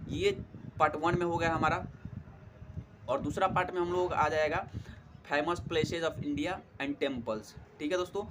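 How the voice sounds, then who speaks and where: Against a noisy background, a young man with a fairly high-pitched voice tutors for exams. He's friendly and casual, addressing listeners as friends, saying "theek hai doston" repeatedly, and filling his speech with fillers.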